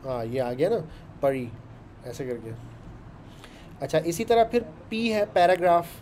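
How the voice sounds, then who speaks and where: A man's voice: on the high side, very animated, unhurried, a little mellow, a little hiss or hum. A man, teaching a casual coding lesson and chatting his way through each step. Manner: chatty, explains step by step with frequent "ṭhīk hai". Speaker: programming instructor.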